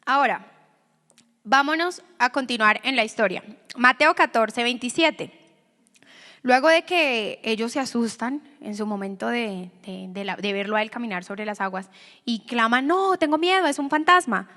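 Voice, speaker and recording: Woman pastor, higher voice, sermon delivery, dramatic loud-to-whisper dynamics. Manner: dramatic swings from loud to whispered, slow emphatic phrasing. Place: church sanctuary. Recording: long reverb of a church hall.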